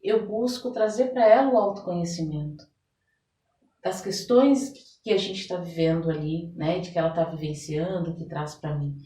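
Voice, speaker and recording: A Brazilian woman with a lowish, dark-toned voice speaks at normal speed, taking part in a podcast interview as a therapist. She explains in a conversational way, drawing on everyday examples and imagined quotes. The audio carries room echo, distant miking, and background noise.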